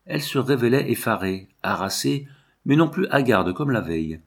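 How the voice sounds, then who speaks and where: A man narrating a novel as an audiobook, reading in a measured, expressive way. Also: mid-range voice, creaky, husky.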